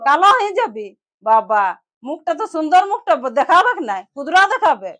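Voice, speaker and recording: A woman's voice: high-pitched, sing-song, fairly quick, fairly bright tone. A woman playing a nagging village mother-in-law. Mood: scolding. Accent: Purulia Bengali. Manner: scolding, grumbling. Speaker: actor in a village drama.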